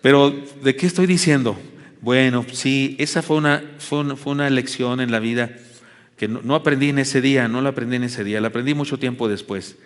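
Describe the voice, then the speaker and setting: Pastor, folksy sermon. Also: male voice, medium pitch, fairly quick. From Chihuahua, Mexico. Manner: folksy storytelling with self-mocking humor. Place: church sanctuary. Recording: long hall reverb in church.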